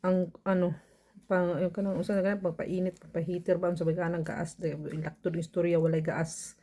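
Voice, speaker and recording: A woman's voice: fairly low pitch, little pitch movement, a little fast, mellow. A woman chatting casually to her camera in a home vlog, laughing often and mixing in English. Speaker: vlogger.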